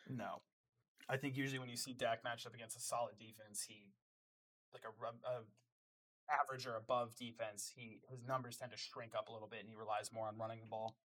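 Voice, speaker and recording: Man, podcast co-host, casual football chat, opinionated, steady middle pitch. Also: fairly quick. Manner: opinionated, runs through lists of players.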